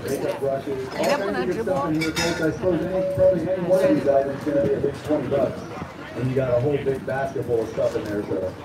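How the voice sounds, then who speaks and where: A man with a mid-pitched voice runs through auction items in an offhand, folksy manner. He is heard from a distance with echo, under very loud noise and crowd chatter. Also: fast. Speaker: auction presenter. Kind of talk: casual spoken rundown of auction items. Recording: very noisy, echoey, distant, crowd chatter behind.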